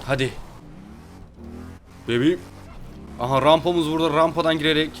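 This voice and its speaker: A man's voice: a little high, normal speed, soft background music. A young man giving hyped, exclamatory commentary over gameplay, talking straight to his viewers. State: fasting. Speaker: gaming YouTuber.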